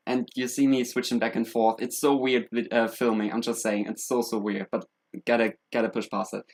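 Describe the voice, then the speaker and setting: Speaking fairly quickly in a level, medium-pitched voice with a darkish tone, this young German man in his 20s rambles through a casual live stream. He jokes at his own expense and thinks out loud while getting set up in his home room in England.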